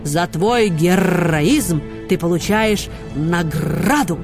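A woman voicing a stern older male dog commander who speaks slowly and solemnly. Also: lowish voice, over music.

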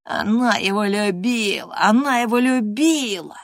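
A woman's voice: mid-range voice, lively intonation, measured pace, no room sound, studio quality, pitched above the performer's own voice. A woman reading an audiobook voices a sickly, spiteful teenage boy who whines and taunts. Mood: taunting. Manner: whiny and taunting.

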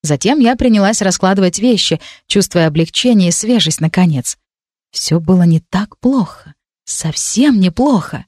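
A woman narrating a fantasy audiobook in the first person with measured, steady reading. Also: mid-range voice, no room sound, studio quality.

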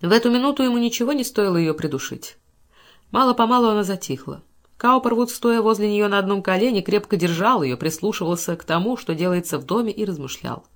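A woman narrating a classic novel audiobook with a dramatic, expressive reading. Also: mid-range voice, quick pace.

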